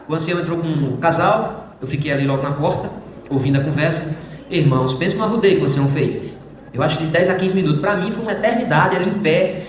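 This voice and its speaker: A man giving an emotional church testimony, speaking fervently to the congregation and swinging between loud and hushed passages. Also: a little high, a little hiss or hum. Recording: very echoey church hall.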